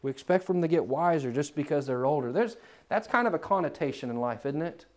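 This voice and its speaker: Man, preacher, sermon, church, slightly high voice, loud peaks and hushed lows. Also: expressive, quick pace. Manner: swings from loud, climbing emphasis to low, quiet asides.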